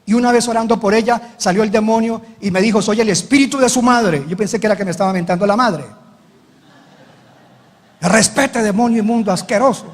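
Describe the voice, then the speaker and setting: A man's voice: high-pitched, fairly even intonation, brisk, big-room sound. A man preaching as pastor, telling a story with dramatic retold dialogue. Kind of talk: sermon.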